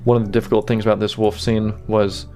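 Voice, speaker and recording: Low, flat-voiced man narrating animation. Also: quick pace, faint music behind. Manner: relaxed, many fillers like "you know" and "kinda". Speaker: animator giving commentary. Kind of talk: casual behind-the-scenes commentary.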